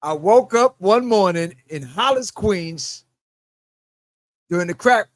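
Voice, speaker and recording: An expressive, high-voiced middle-aged podcast host from New York tells casual stories slowly, laughing as he goes and acting out the voices he quotes. The studio-quality recording has no echo.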